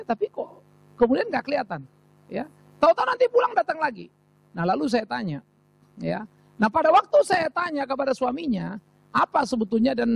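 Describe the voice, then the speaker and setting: A man's voice: high voice, vocal fry, a little mellow, slightly rough. A man preaching a sermon as a pastor, emphatic and rhetorical, repeating phrases for effect. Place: church service.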